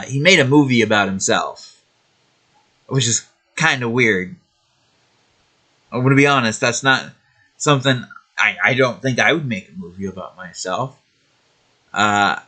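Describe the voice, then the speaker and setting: A man's voice: medium pitch, sharp tone. A man hosting a video game show, giving casual opinion commentary in a hesitant, rambling, matter-of-fact way.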